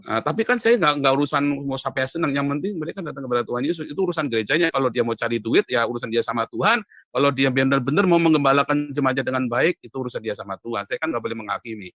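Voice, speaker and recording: Male interview guest, emphatic storyteller, bright tone, dry close sound. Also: mid-range voice, lively intonation, very fast, dry recording. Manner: emphatic storytelling, voice rising sharply when stirred. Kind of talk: conversational interview.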